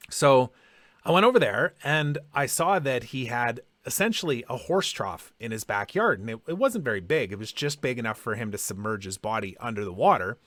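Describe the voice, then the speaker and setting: A man's voice: medium pitch, a bit bright, no echo. A man hosting a podcast, telling personal stories in a casual, conversational way and acting out quoted dialogue. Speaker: podcast host.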